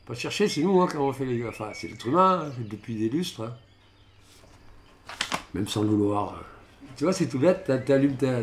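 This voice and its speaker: A man's voice: mid-range voice, a little hiss or hum. A man in his fifties, a rural gardener, chatting emphatically and repeating himself. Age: 50s. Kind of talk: casual chat.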